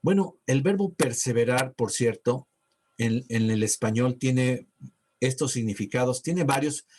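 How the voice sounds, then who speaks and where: A man giving a sermon as pastor, talking conversationally and slowing down when he reads verses aloud. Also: medium pitch, a little mellow. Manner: conversational preaching, slows to read verses. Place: church.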